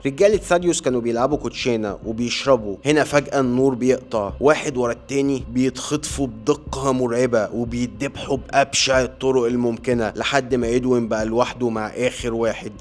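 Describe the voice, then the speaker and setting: A man with an Egyptian Arabic accent rattles through a horror comic recap at a quick clip, in a voice of middling pitch. His delivery is brisk and dramatic, pure scripted storytelling narration. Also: a little mellow.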